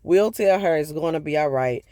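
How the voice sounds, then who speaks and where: A man's voice: fairly high pitch, moderate pace, mellow, dry recording. A man casually retelling a book chapter for his viewers, in a loose, chatty way with asides to the audience. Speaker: book review vlogger.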